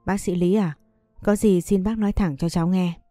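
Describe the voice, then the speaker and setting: A woman's voice: fairly low pitch, steady tone, moderate pace, warm tone, dry recording, soft background music, lightly acted. A woman voicing a grieving young woman, an older sister who speaks in a restrained, coaxing way.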